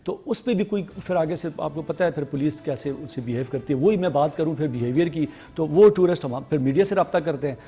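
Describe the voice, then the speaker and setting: A man's voice: on the high side, expressive, hardly any pauses, dark tone. A man speaking as a guest on a TV talk show, earnest and repeatedly cutting in to make his point. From Pakistan. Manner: earnest, interjecting, repeats himself. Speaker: studio guest.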